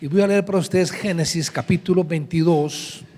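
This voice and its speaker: A man's voice: a little high, normal speed, dark tone. A man preaching as pastor, teaching and reading scripture aloud to a congregation, recorded live in a large church hall. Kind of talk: sermon.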